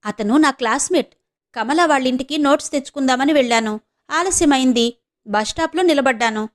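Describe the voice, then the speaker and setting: A woman's voice: high voice, a little fast, lightly acted. A woman voicing a young student who defends herself and pleads with her elder sister, in a storybook reading. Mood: defensive.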